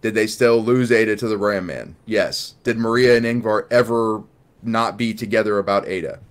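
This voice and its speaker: A man's voice: on the low side, steady tone, normal speed. A man co-hosting a casual movie review chat, blunt and rambling, swearing freely and answering his own rhetorical questions. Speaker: podcast co-host.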